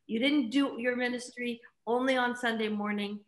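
A woman's voice: on the high side, steady tone, moderate pace. A middle-aged woman hosting an online interview from her living room, chatty and enthusiastic with many fillers. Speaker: host. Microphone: video call. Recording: echoey room.

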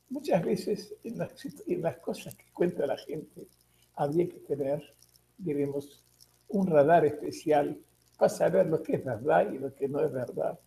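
A man's voice: fairly high pitch, gravelly, warm tone, rough recording. A man, teaching a live spiritual class and retelling conversations while addressing his listeners directly.

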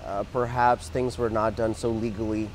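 A man's voice: fairly low pitch, little pitch movement, normal speed, a little hiss or hum, low-quality recording. Earnest man talking outdoors. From Mexico, raised in Texas. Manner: earnest, talks with his hands, frequent restarts. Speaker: interview guest. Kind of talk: casual interview. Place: outdoor garden plaza. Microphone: lapel.

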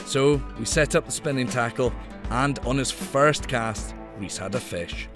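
A man giving steady, scripted voice-over narration of a fishing trip. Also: mid-range voice, measured pace, over music. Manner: steady, explanatory. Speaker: channel host narrating.

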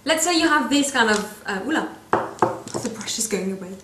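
This makeup vlogger, a woman in her thirties with a French accent, sits in a small room and chats through a casual tutorial to camera. She makes playful asides and hunts for English words. Her slightly high, fairly bright voice has lively intonation at a normal speed, recorded with roomy sound and a little hiss or hum.

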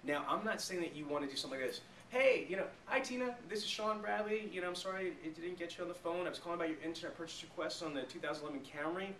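Rapid-fire with few pauses, his voice a little high and a bit bright, a man in his thirties pushes through an emphatic sales training talk for a small group, dropping in rhetorical check questions. He's in a small meeting room with a flip chart. The camera mic sits a few metres away, giving echo, distance and faint noise.

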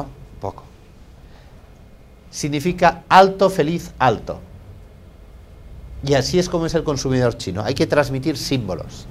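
A man giving a business lecture to a small audience. He keeps asking rhetorical questions and checking in with "¿de acuerdo?", and his phrases swing between loud and quiet. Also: medium pitch. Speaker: guest lecturer at a business talk.

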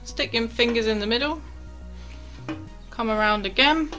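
A young woman teaching sailing explains knots step by step in a friendly, talkative way, her voice on the high side and her speed normal. She murmurs quiet asides while working the rope, recorded near a camera in a small wooden cabin with faint music behind.

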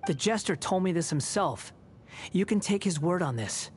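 An aloof young former villain from a video game. He is proud and cynical, with cool, sardonic, deliberate delivery. Some music plays behind him. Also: high-pitched, animated. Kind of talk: video game dialogue acting.

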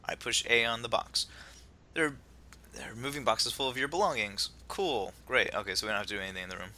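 A man's voice: mid-range voice, quick pace, sharp tone, slight background noise. A man chatting playfully while playing a video game, laughing often and reading the game text aloud. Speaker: let's play player. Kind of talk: casual gaming chat.

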